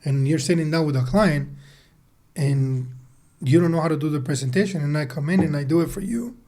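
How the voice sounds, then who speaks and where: A podcast guest in his thirties, a sales team leader and entrepreneur, answers the interviewer conversationally in a fairly high, mellow voice. He speaks briskly and emphatically, repeating words to drive his points home.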